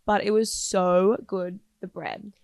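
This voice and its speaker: A woman's voice: mid-range voice, level tone, slow, gravelly, a little mellow, dry recording, studio quality. A woman, co-hosting a vlogcast in bubbly, casual chat and laughing often. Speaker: vlogcast co-host.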